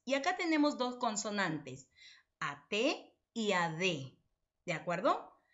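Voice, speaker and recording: A woman's voice: a little high, fairly bright tone. A woman teacher giving a recorded phonology lecture, who keeps asking and answering her own questions and checks in often with her listeners. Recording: dull lo-fi recording.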